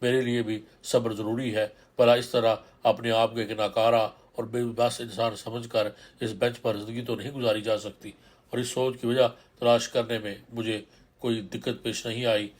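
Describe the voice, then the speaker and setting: Guy reading a scary novel out loud, first person, moody and thoughtful. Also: mid-range voice, flat delivery. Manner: brooding first-person storytelling. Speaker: narrator. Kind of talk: scripted horror novel narration.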